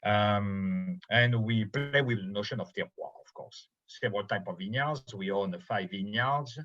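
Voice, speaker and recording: A middle-aged or older man from Bordeaux with a French accent, giving an informal presentation as a winemaker in halting non-native English phrasing. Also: lowish voice, fairly bright tone, dull audio. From Bordeaux, France. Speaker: winemaker presenting his estate's wine.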